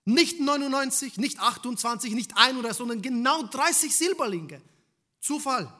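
A man preaching a sermon, putting rhetorical questions to the congregation and swinging between loud emphasis and hushed lines. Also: very high voice, expressive, moderate pace.

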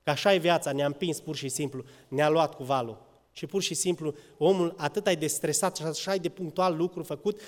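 Impassioned male preacher in a hall. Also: fairly high pitch. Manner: impassioned, swings between loud exclamations and hushed asides. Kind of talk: sermon. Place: church. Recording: church hall with long reverb.

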